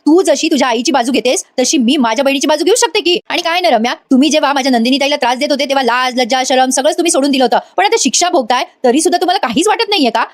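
A woman voicing a sharp-tongued young wife with curt, quick retorts. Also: high voice, no room sound, studio quality, natural voice. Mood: defiant.

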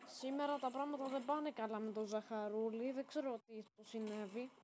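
A woman with a high voice talks through her own match in casual, running commentary. She gets excitable and bursts into sudden shouted exclamations, with faint background noise under her. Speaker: gaming channel host. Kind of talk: live game commentary.

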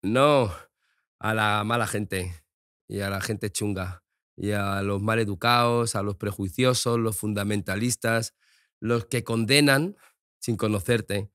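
A man's voice: on the low side, fairly even intonation, slow pace, a bit bright, no echo, clean studio sound. A middle-aged man, a guest in a casual interview chat, talking frankly and expressively and swearing freely.

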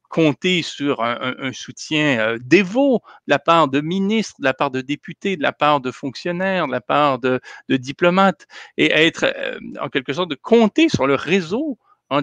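A man's voice: a little high, gravelly, a bit bright, no room sound. A middle-aged man, speaking as an author and guest on a video call from his home study. He argues emphatically and often repeats words as he builds his points. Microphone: headset on video call.

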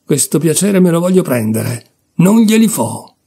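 A man's voice: on the high side, big pitch swings, measured pace, dark tone, breathy edge, voice pushed up, heavily acted. A man reading aloud voices a tired, anxious older mother who pleads with her daughters. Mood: stubborn.

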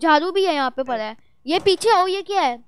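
High, jittery woman gamer. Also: fairly quick. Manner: excitable, jittery, loud exclamations. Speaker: gaming vlogger. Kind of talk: Roblox horror gameplay commentary.

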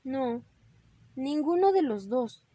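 A woman's voice: very animated, moderate pace. Woman voicing a nervous little boy bunny. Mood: remorseful. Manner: stammering, pleading and high-pitched. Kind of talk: storybook read-aloud.

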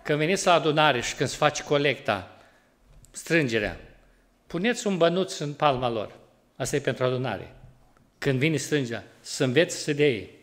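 Animated preacher man with a Romanian accent. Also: fairly high pitch. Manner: lively, rising loud when driving a point home; acts out everyday quarrels in a colloquial voice. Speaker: pastor. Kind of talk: sermon. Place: church hall.

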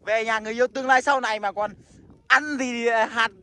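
A performer voicing a brash young male skeleton who lectures his friends and shouts at them in a cartoon skit. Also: mid-range voice, fairly even intonation, a little fast, lightly acted. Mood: lecturing. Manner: scolding, lecturing, bursting into shouts.

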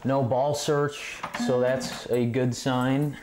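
Speaking slowly at medium pitch with a level tone, a pinball repair video host walks through a relaxed hands-on fix. He's indoors in a game room full of arcade machines, recorded by a camera on a tripod a little way off, with audible background noise and clicks.

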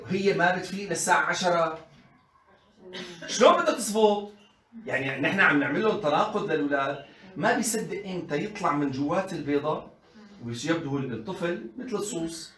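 A man giving an animated colloquial lecture on parenting to mothers, full of rhetorical questions and acted-out quotes. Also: a little high. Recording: echoey room, voice from a distance.

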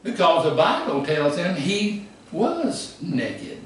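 A man preaching a sermon, emphatic, rising to shouts and dropping low. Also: big pitch swings, slow pace, slight background noise. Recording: echoey hall from far off.

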